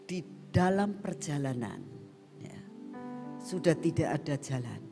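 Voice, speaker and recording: Woman evangelist, dramatic storytelling sermon, slow, long church reverb, soft music. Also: deep voice, lively intonation. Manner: dramatic, addresses the congregation directly. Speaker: evangelist preacher.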